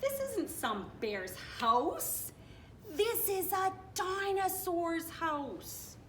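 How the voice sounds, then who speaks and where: A headstrong little storybook girl played by a woman reader speaks emphatically and expressively. Her pitch swoops around at an unhurried pace, in an echoey room with noise. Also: big pitch swings, a bit bright, exaggerated voice. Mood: dawning realization. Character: headstrong, chocolate-loving little girl Goldilocks.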